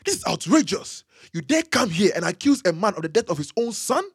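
An actor playing a pastor, a husky, pleading peacemaker who sounds preachy. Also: male voice, sits high, big pitch swings, fairly quick, no room sound, clean studio sound, full character voice.

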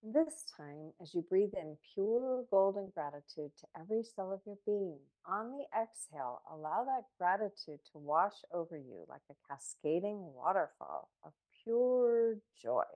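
A woman podcast host leading a guided breathing meditation in a calm, meditative manner. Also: mid-range voice, unhurried, few pauses, low-quality recording.

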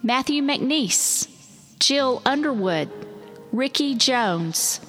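A woman's digitally echoed voice reads one name after another at an unhurried, steady pace. Her delivery is measured and clear, and faint background music sits under her. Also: high-pitched. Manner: slow, measured reading of names. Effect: digital echo on the voice. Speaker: podcast co-host.

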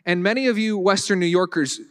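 A man's voice: sits high, fairly quick, smooth. A man with a Southern accent preaching a conversational sermon, often repeating words as he restarts his sentences and dropping in dry humor. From Virginia. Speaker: pastor.

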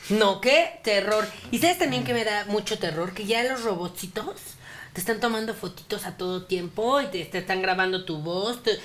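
A woman co-hosting a talk show, telling stories in an animated, chatty way. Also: medium pitch, moderate pace, a little hiss or hum. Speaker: co-host. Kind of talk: casual chat.

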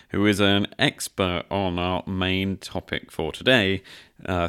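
A man's voice: low voice, a bit bright. A man with a British accent, introducing a podcast as co-host in a conversational style. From Britain.

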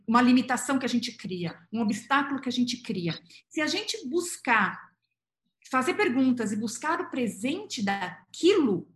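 A woman with a high, bright and very animated voice, speaking reflectively as she feels her way toward her point. The sound is roomy, with a noticeable echo around her. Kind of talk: casual conversation. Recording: echoey room.

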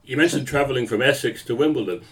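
A man's voice: mid-range voice, fast, breathy edge. A man co-hosting a podcast, chatting casually and putting questions to a guest. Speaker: podcast co-host. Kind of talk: casual chat.

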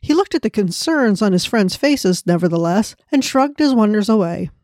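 A woman's voice: mid-range voice, lively intonation, normal speed, a little mellow, dry recording, studio quality. A woman hosting a devotional podcast, speaking in an earnest, prayerful way and narrating a children's story. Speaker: podcast host.

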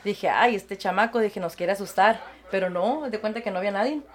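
A woman, a guest recounting her experiences and acting out the voices of others in lively conversation. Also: medium pitch, brisk, over a noisy crowd. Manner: animated, acts out quoted voices, laughs easily. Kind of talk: storytelling in conversation.

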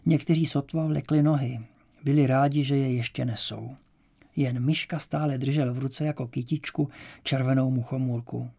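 A man narrating an audiobook in a measured, even storytelling manner. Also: medium pitch, vocal fry.

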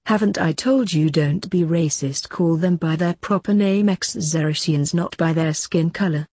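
Woman voicing a stern assassin dad, terse, lecturing, husky, lowish. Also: a little slow, warm tone, no echo, studio quality. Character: stern father and secret assassin.

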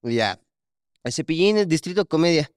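Mexican man telling lively stories. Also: on the high side, normal speed, clean tone, dry recording, clean studio sound. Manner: animated storytelling, acts out quotes. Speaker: podcast co-host. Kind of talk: casual chat.

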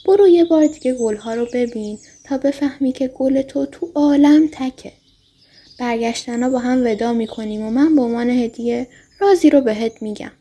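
A woman voicing a wistful, gentle fox who longs for friendship, in a storybook reading. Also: a little high, breathy edge. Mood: sad. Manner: gentle, heartfelt, pleading.

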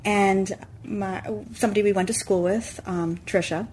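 Woman guest, casual interview storyteller, animated, some quiet hiss behind. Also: medium pitch, moderate pace. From Long Island, New York. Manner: animated, acts out quoted dialogue.

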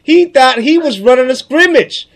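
A man hosting a casual podcast over a video call, arguing loudly and cursing often. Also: extremely high pitch, expressive, normal speed. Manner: loud, profane and argumentative. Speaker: podcast host.

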